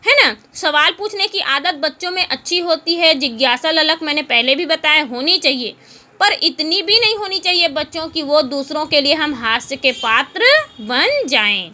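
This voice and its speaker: A woman teaching a Hindi class to children, patiently asking questions and answering them herself, repeating words slowly. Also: sits high, expressive, sharp tone. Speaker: school teacher.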